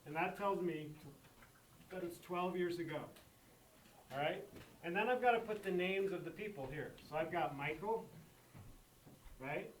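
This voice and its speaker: Man teaching math to a class, higher-pitched, emphatic, recorded from across an echoey classroom. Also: unhurried, long pauses, recorded from a distance, a little hiss or hum. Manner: repeats key points with emphatic checks. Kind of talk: classroom lesson.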